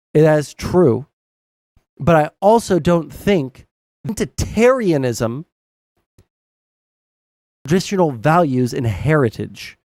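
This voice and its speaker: This streamer host, a young man from Southern Arkansas with a Southern accent, reads chat during a casual live stream, offering rambling, blunt remarks full of swearing and filler words. His voice runs on the high side and is a little mellow. The sound is clean studio audio without room sound.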